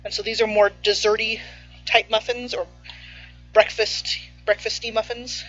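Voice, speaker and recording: Playful woman host, chatty kitchen banter, bright voice, slightly dull recording with faint music. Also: on the high side, little pitch movement, normal speed. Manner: chatty and playful, talks with her mouth full. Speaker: baking show host. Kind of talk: casual cooking stream. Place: home kitchen.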